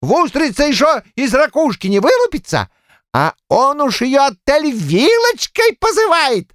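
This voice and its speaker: A cranky old Cossack cook, put on by a male audiobook reader, high and shrill. He blusters and rambles in folksy turns, his voice leaping all over the place. The studio sound is dry and close. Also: huge pitch swings, measured pace, fairly bright tone, dry recording, full character voice. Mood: blustering. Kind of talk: audiobook character voice.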